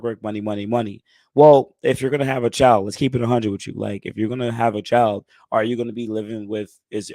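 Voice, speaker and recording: A mellow, medium-pitched man in his thirties chats through a laid-back live stream Q&A, reading and answering the live chat. His voice is hoarse as it comes back after being lost. He frequently drops "you know what I'm saying," and the sound has no echo.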